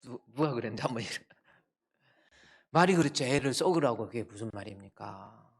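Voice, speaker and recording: A male pastor delivering a Sunday sermon, emphatic and full of rhetorical questions, jumping between loud outbursts and quiet asides. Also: mid-range voice, animated, fairly quick, gravelly, breathy edge. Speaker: senior pastor.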